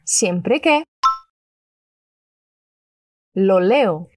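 Upbeat Spanish teacher. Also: female voice, medium pitch, lively intonation, darkish tone, no room sound, clean studio sound. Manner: slow, clearly spelled-out model phrases for learners; upbeat, enthusiastic. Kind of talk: language lesson with repeat-after-me drills.

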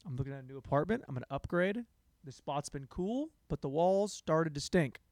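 A young man hosting a solo comedy podcast, rambling in a sarcastic, self-mocking way, jumping between loud bursts and mumbled asides. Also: fairly high pitch, lively intonation, brisk, dry recording, clean studio sound. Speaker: podcast host.

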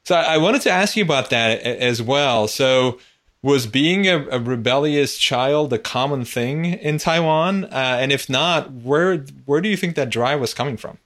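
A man's voice: medium pitch, animated, normal speed, fairly bright tone. A man from Turkey hosting an interview, asking thoughtful questions in a conversational way with frequent restarts. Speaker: podcast host, interviewer.

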